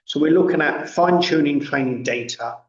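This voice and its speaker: A man presenting academic research at an online conference, halting, with long pauses. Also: fairly high pitch. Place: indoors, online video conference call. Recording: roomy, distant, dull online call audio.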